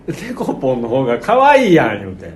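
Man, Kansai accent, comedy-duo chat, teasing, animated pitch. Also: a little fast, echoey room, a little hiss or hum. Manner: teasing, insistent banter. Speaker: comedian co-host.

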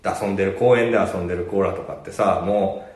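A man's voice: low voice, a little fast, echoey room. A man with a Kansai accent telling stories as co-host of a casual chat podcast, laughing often. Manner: storytelling, animated, laughs often.

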